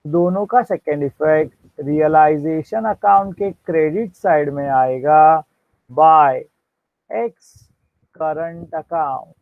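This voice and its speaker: Indian male accounts teacher, slightly high voice, unhurried dictation, quizzes the class, narrow dry recording. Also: no room sound. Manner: dictates entries slowly, quizzes students. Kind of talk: classroom lecture mixing Hindi and English. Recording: dry, tinny phone-like sound.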